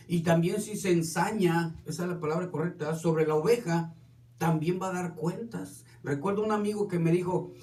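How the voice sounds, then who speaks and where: A man's voice: high-pitched, a little mellow. A man preaching a sermon as pastor, telling stories with quoted dialogue. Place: church hall. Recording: echoey hall, distant mic.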